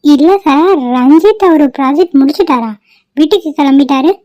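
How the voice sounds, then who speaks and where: Complaining young office worker voiced by a woman in a cartoon, high-pitched and mellow. The audio is dry and lo-fi. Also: normal speed, dry recording, natural voice. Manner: complaining, questioning. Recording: dull lo-fi dry recording.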